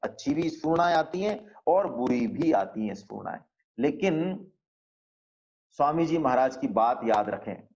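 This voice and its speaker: Slow-speaking man teaching scripture, lo-fi. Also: mid-range voice, darkish tone. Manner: slow, explanatory, with frequent rhetorical questions and "है ना". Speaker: Gita class teacher. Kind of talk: spiritual scripture lesson.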